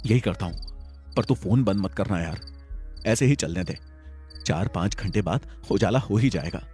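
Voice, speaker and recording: A man's voice: lowish voice, expressive, normal speed, a little mellow, faint music behind, lightly acted. A man voicing Vicky, a terrified young man alone at home at night, pleading with his friend in a trembling, panicky way in a Hindi audio story.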